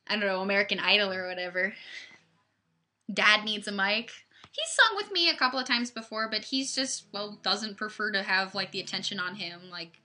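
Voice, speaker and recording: A woman in her twenties hosts a livestream from home, chatting casually to viewers through her webcam microphone. Her medium-pitched voice sounds pushed and bright as she rambles along with plenty of fillers and restarts.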